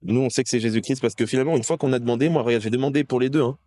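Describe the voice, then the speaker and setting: Fast-talking earnest young man. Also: medium pitch, dark tone, dry recording, studio quality. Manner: earnest, persuasive, fillers "tu vois". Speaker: street evangelist. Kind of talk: casual faith conversation.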